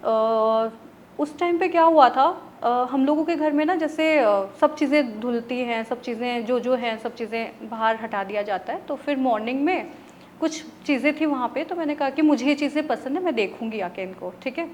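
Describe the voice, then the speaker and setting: A woman's voice: high voice, normal speed, a little hiss or hum. A woman from Odisha, a tarot reader and interview guest, tells a story in a chatty way, mixing in English words and checking in with her listener. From Odisha, India.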